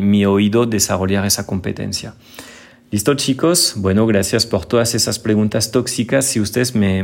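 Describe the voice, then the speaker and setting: A man with a French accent from northern France talks through listener questions as a language teacher on his own podcast. His voice sits a little low, and he explains things patiently, often repeating a word as he reaches for the next one. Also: gravelly. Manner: explanatory, repeats words while searching for them.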